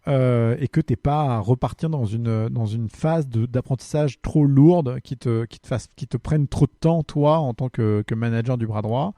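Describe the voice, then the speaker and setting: A man hosts a casual solo podcast and answers listener questions, pausing often to search for words. His voice is very dark and mellow. The recording is close and dry. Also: medium pitch, no echo. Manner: hesitant, full of fillers, friendly.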